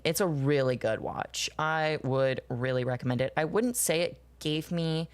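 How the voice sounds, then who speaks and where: A woman in her twenties with a notably low voice streams while drawing, chatting casually and rambling with her live viewers. She swears freely, laughs often, and answers the chat as she goes.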